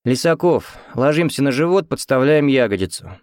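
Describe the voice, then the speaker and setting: A man voicing a stern, brisk female nurse who gives curt orders. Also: medium pitch, expressive, darkish tone, dry recording, clean studio sound, pitched above the performer's own voice, close to an everyday voice. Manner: curt, commanding.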